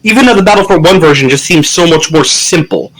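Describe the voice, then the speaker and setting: A young man with a fairly high voice chats casually about games. His pitch swings freely as he talks, and his manner is animated and offhand. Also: quick pace, a crowd in the background, rough recording. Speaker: guest. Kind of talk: casual gaming chat.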